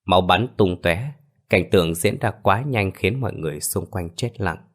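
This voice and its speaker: A man narrating a scripted ghost story in a steady, dramatic storytelling manner. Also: deep voice, moderate pace.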